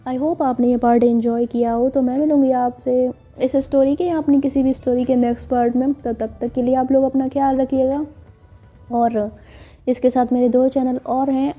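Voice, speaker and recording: A woman's voice: sits high, flat delivery, moderate pace, mellow, dull audio, soft background music. A woman narrating a serial love story in a chatty, conversational way, then talking to her listeners. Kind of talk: casual scripted story narration.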